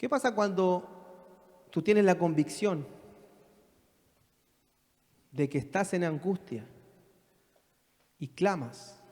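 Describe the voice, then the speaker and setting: A man's voice: high-pitched, slow, pauses often, darkish tone. A man, a pastor preaching a sermon and firing rhetorical questions at his congregation. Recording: long reverb of a church hall.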